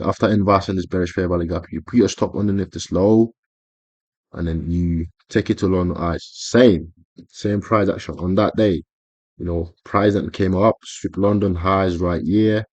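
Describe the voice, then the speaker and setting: A man's voice: sits low, a little mellow, no room sound, muffled recording. A man explaining a trading strategy over his screen in a casual tutorial, rambling with frequent fillers and self-corrections. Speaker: trading educator.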